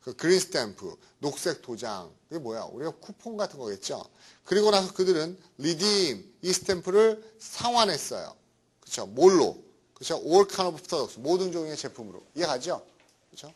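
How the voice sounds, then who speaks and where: A man's voice: a little high, sing-song, moderate pace, breathy edge. A middle-aged man lecturing on English vocabulary to a class, chatty and often checking in with his students. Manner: chatty, keeps asking "right?".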